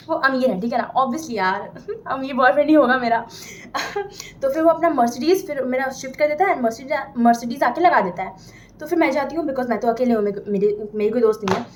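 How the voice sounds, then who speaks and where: A woman's voice: sits high, darkish tone, a little hiss or hum. A young woman from India casually telling a made-up story, chatty and often asking "theek hai?" as she goes. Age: young adult. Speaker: vlogger telling an imagined story. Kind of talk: casual storytelling, Hindi mixed with English.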